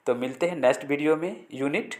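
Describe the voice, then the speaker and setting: A man teaching a spoken English lesson in Hindi, repeating words slowly as drills and explaining step by step. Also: on the high side, darkish tone. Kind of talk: classroom-style language lesson.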